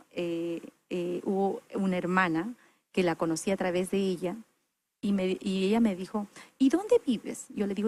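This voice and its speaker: A woman's voice: mid-range voice, a little mellow. A woman, a guest on an interview podcast, telling a personal story in an earnest, reflective way. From Peru. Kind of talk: personal testimony in a chat.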